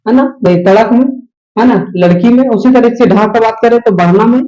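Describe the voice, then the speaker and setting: A woman's voice: fairly high pitch, fairly quick, warm tone, reverberant, low-quality recording. A woman teaching children the alphabet, patiently explaining and checking in with little questions as she goes. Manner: patient, repeats "है ना" and asks questions to pupils. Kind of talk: explaining Hindi alphabet lesson.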